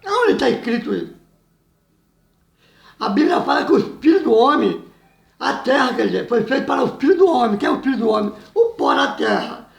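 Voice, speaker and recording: A man preaching loudly and emphatically in a very high, gravelly voice. He laughs often between his points. The sound is roomy and echoing. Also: very animated, brisk. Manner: loud and emphatic, says he always talks loud; laughs between phrases, says "meu irmão" often. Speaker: evangelical preacher. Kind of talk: informal sermon.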